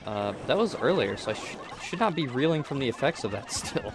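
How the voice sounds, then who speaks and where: A man giving relaxed, rambling gameplay commentary, often correcting himself as he talks into a close microphone. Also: medium pitch, fairly quick. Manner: rambling, self-correcting, chatty. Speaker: gameplay streamer. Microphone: close desk microphone.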